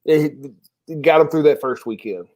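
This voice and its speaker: A man's voice: on the high side, moderate pace, darkish tone. A man co-hosting a casual sports podcast, rambling with restarts as he weighs his pick. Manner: rambling, many restarts, enthusiastic. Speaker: podcast co-host.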